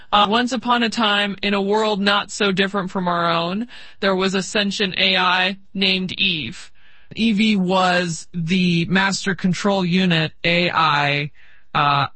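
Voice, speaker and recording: A performer voicing a friendly sentient AI assistant telling a story slowly and deliberately, reading stage cues aloud with halting fillers. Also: medium pitch, pushed and bright, husky, no room sound, exaggerated voice, poor audio.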